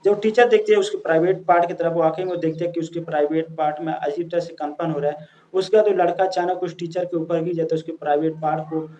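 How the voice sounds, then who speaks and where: A man's voice: on the high side, fairly even intonation, fast, mellow, highs cut off. A man narrating a story in a casual, chatty way, addressing his listeners as friends, with frequent restarts and fillers.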